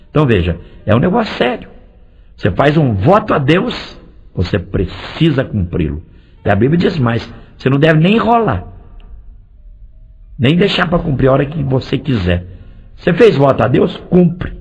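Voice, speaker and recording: A male pastor preaching a lively sermon, firing direct questions at the congregation and swinging between loud and soft delivery. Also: medium pitch, husky. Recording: dull lo-fi recording with faint music.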